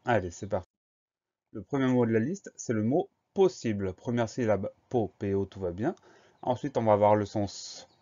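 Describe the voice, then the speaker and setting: Un homme enseignant l'orthographe avec un accent français, qui épelle les mots lettre par lettre, de façon lente et patiente. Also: male voice, lowish voice, expressive, warm tone, muffled recording. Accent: French. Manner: slow, patient, spells letters one by one. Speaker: teacher. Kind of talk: spelling lesson, dictation.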